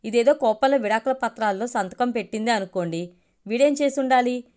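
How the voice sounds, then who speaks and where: A woman's voice: on the high side, brisk, darkish tone, close to an everyday voice. A woman voicing a scolding anxious mother.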